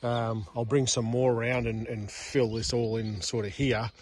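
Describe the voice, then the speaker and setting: A middle-aged man with a mellow, dark voice chats casually in a laid-back vlog. He speaks in a plain, colloquial way at an ordinary pitch. He is outdoors on a handheld phone, with bees buzzing by the hives. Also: little pitch movement, moderate pace, slight background noise. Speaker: hobby beekeeper vlogger. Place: outdoors in a rural yard among beehives. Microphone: handheld phone camera at arm's length.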